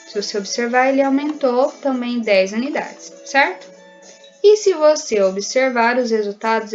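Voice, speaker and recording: A woman's voice: fairly high pitch, highs cut off. A woman with a Brazilian Portuguese accent, a primary school teacher taking her pupils patiently through exercises step by step. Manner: patient, explains step by step and often checks in with "né?" and "certo?". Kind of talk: recorded remote lesson, correcting exercises.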